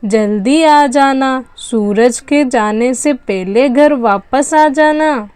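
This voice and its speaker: A woman voicing a gentle, caring middle-aged mother-in-law in a doll story. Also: sits high, takes it slowly, smooth, no room sound.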